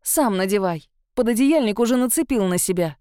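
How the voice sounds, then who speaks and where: A woman voicing a proud young female captive who shouts insults at her kidnapper. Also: mid-range voice, animated, fairly quick, clear, resonant tone, dry recording, clean studio sound, close to an everyday voice. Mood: defiant.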